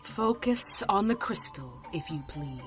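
Mistress Otep, a woman as a slow, imperious seer. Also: medium pitch, music in the background, close to an everyday voice. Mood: dry, haughty. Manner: theatrical, haughty, deadpan. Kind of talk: audio drama acting.

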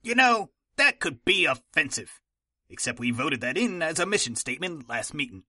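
Guy doing a chatty henchman, bouncy pitch, bright dry voice, comedy audio play. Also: sing-song, moderate pace, husky, no echo, exaggerated voice. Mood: affable. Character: friendly male henchman union officer.

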